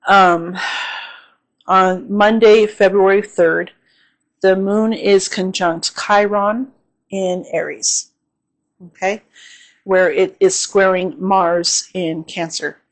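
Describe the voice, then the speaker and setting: On her own channel, a woman talks through an astrology forecast casually and unhurriedly in a slightly hoarse, tired, mid-range voice with fairly even intonation. She often says "um" and checks in with "okay?".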